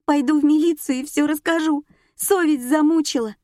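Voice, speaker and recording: A woman reading an audiobook, voicing a frightened teenage girl who sobs with guilt in a high, strained voice. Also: moderate pace, darkish tone, no echo, studio quality, natural voice. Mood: sobbing guilt.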